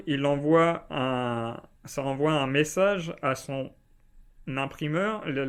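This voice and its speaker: A man's voice: on the high side, clear, resonant tone. A man hosting a casual self-publishing vlog indoors, talking informally to the viewer with plenty of fillers. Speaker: self-publishing video host. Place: indoors, not at home.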